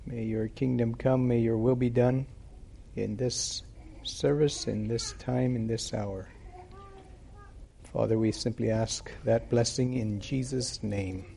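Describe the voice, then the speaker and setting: A male preacher speaks into a pulpit microphone at a church service, taking his time over every phrase. His voice has a gravelly, creaky edge, and he pauses often to gather his words. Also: mid-range voice, steady tone, warm tone, a little hiss or hum. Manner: unhurried, deliberate, with frequent pauses and fillers. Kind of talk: sermon with prayer.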